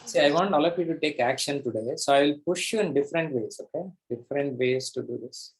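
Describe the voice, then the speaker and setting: A man's voice: on the high side, quick pace. A man with an Indian accent teaching a live online class as a coach, pushy and emphatic, repeating phrases for effect. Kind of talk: live interactive teaching, mixing English and Hindi.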